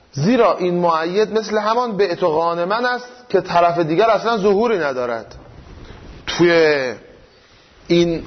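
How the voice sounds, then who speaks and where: A man lecturing a seminary class, his high voice rising and falling a great deal as he works through an argument. He poses questions and answers them himself. The recording sounds a little dull and lo-fi. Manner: explanatory, rhetorical questions, swings up and down in pitch. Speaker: teacher of Islamic jurisprudence.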